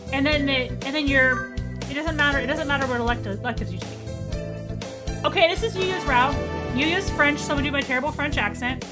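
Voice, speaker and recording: Casting: chatty woman streamer with a high voice, game music clear behind her. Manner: chatty, rambling, talks to her viewers. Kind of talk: casual let's-play chat.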